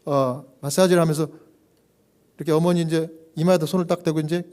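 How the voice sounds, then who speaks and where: A pastor with a fairly high voice preaches in a church. He tells a story with animation and plays the people in it. At solemn moments his voice sinks to a hushed whisper. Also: a little fast. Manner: animated storyteller who acts out quoted voices. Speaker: pastor and hospital chaplain. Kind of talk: sermon storytelling.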